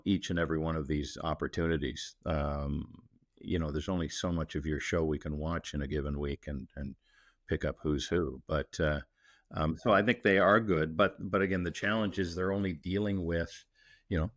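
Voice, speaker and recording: Low-voiced man talking plainly. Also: no room sound, clean studio sound. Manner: relaxed, halting, many fillers and restarts. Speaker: mining company executive guest. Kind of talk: casual interview talk.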